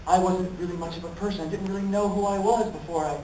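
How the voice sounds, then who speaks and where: A man speaking at a fan convention panel, animated and profane, laughing often and acting out quotes, recorded in an echoey hall from far off. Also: sits high, fast talker, a little hiss or hum.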